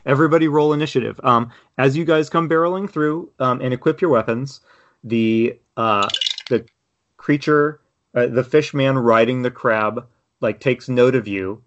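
A man with a medium-pitched voice at normal speed acts as game master for a tabletop game, describing each scene in a rambling, meandering way. He fills his speech with "like" and "uh" and keeps restarting sentences. The recording is slightly dull and lo-fi.

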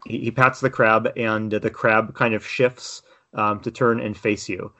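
A man's voice: fairly low pitch, level tone, a little slow, pushed and bright. A man narrating as game master for a tabletop game, with a loose, rambling delivery full of fillers.

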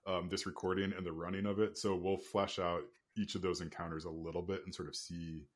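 Low-voiced man brainstorming casually. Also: little pitch movement, a little fast. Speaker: game master.

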